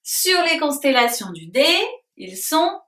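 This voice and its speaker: A woman with a high, lively voice leads a lesson for little children, slow and sing-song. She asks simple questions and praises them. The sound is roomy, as if she stands a little away from the mic. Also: recorded from a distance. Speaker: preschool teacher. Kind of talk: lesson for young children at home.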